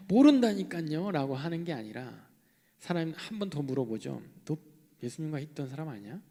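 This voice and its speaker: Preacher man in a reverberant hall. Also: on the high side. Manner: animated, acting out quoted voices, shifting between loud and hushed. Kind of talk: sermon. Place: church hall.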